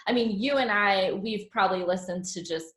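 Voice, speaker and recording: A woman's voice: medium pitch, normal speed, fairly bright tone. A woman hosting an interview, chatty and curious in casual conversation. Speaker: interview host. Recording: echoey room.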